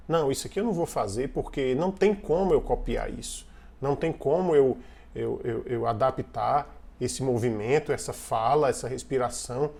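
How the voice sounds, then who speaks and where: A man with a mid-range, slightly mellow voice coaches the viewer on team communication in a casual online lesson. He talks conversationally, repeating and restarting phrases and putting questions to the listener.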